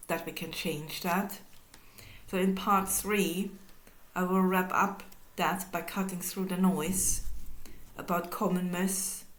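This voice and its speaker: A woman's voice: fairly low pitch, reverberant, poor audio. A woman hosting her own channel, talking earnestly to the camera from home with small restarts. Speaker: channel host. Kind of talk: unscripted talk to camera. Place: room at home with a cat.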